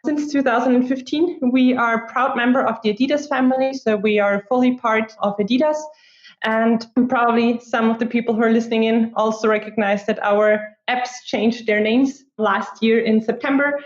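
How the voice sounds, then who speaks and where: A young woman from Austria talks in a casual, chatty way, leaning on "like" as a filler. Her voice sits a bit high. The recording is roomy and somewhat muffled. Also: fairly even intonation, normal speed. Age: 20s. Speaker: guest, product marketer. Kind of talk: casual interview talk. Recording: echoey room, dull lo-fi sound.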